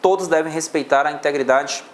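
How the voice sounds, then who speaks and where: A man's voice: fairly high pitch, fairly quick. A male law teacher with a Brazilian Portuguese accent, lecturing a class on exam questions and explaining step by step.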